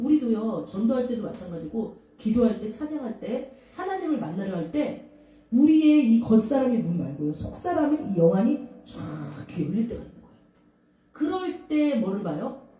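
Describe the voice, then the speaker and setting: A woman preaches a sermon in a church, telling the story with lively swings of pitch and often asking her listeners questions. Her voice sits a bit high but sounds mellow. The mic is some way off, and the hall makes her voice ring with strong echo. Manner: animated storytelling with rhetorical questions. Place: church sanctuary. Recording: very echoey hall, mic far off.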